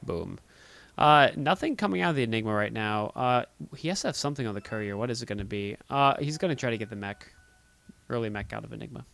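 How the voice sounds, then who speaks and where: A man with a booming voice doing live play-by-play commentary on a video game match. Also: fast, vocal fry, a bit bright, clean tone. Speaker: esports play-by-play caster.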